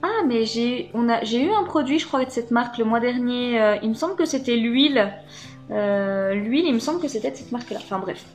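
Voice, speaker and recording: A woman talks casually through a beauty box unboxing, full of little hesitations. Her voice sits a touch high, and soft music plays faintly underneath. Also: animated, brisk. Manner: chatty, hesitant, many fillers. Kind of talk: casual unboxing chat to camera.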